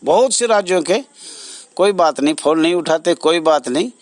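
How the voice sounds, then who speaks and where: An association president speaks directly to supporters in a slightly high, animated voice, captured dry. He's earnest but halting and repetitive, with pauses between phrases.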